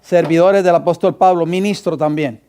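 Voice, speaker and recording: A man's voice: fairly high pitch, fairly even intonation, moderate pace, warm tone, slight background noise. A male pastor teaching a Bible class, quizzing his students and dictating scripture references for them to write down. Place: church classroom.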